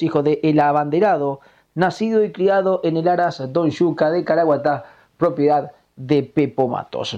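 A man's voice: a little high, dark tone, highs cut off. Formal Uruguayan man reading race results. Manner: measured, formal delivery. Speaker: horse racing correspondent. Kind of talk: formal racing results report.

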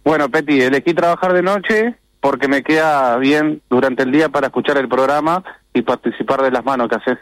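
A man's voice: mid-range voice, fairly quick, rough recording. A young man in his twenties with an Argentine accent, chatting easily as a caller to a radio show. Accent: Argentine Spanish. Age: 20s. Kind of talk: phone-in chat.

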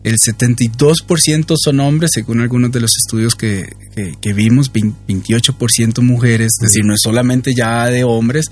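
A man's voice: medium pitch, fairly even intonation, moderate pace, few pauses, husky, soft background music. A young man co-hosting a family talk show, listening attentively and giving frequent small replies. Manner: attentive, with frequent back-channel sounds. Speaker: co-host. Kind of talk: podcast interview hosting.

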